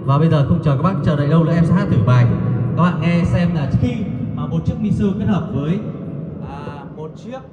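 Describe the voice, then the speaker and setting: A man selling a karaoke mixer, his voice drenched in digital karaoke echo as he checks the mic, counts and pitches eagerly, heard through speakers from some distance. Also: a little fast, dark tone, slight background noise. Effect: heavy digital karaoke echo from the mixer. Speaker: shop seller demonstrating a karaoke mixer. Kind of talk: sales demo with mic checks. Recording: echoing speaker sound from far off, dull and lo-fi.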